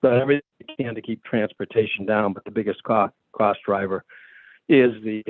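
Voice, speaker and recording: A man, a school superintendent, giving a budget report over a phone line that keeps breaking up and cutting out, pausing with many fillers. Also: fairly low pitch, dry recording. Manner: halting, many filler sounds. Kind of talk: budget presentation at a public meeting. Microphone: mobile phone call. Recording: tinny dry phone line.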